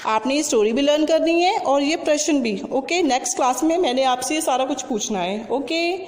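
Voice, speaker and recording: A woman's voice: sits high, animated, normal speed, long reverb tail. A woman teacher telling a story to young pupils, coaxing them along and repeating and questioning. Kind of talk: storytelling lesson for children.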